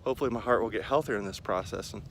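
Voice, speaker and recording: A man in his forties vlogs while pacing through a lakeside park, rambling and poking fun at himself in a casual running chat to camera. His voice is lowish and fairly bright, and he talks very fast. The outdoor ambient noise comes through clearly.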